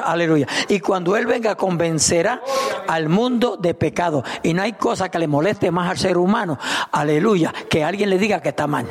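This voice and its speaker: A man preaches to his church in a high, ringing voice. He swings from calm reading to sudden shouts and laughs along with the congregation. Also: gravelly. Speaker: pastor. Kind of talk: sermon.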